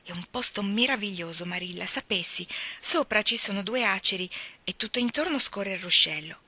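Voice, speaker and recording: A woman's voice: mid-range voice, expressive, brisk, pushed and bright, no room sound. A woman voicing a chatty, imaginative orphan girl who talks eagerly and dramatically. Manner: eager, dramatic, breathless storytelling.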